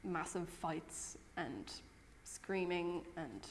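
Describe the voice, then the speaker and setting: A woman's voice: on the low side, expressive, very slow, big-room sound, a little hiss or hum. A twenty-one-year-old woman speaking candidly with some hesitation in a documentary interview. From Ireland.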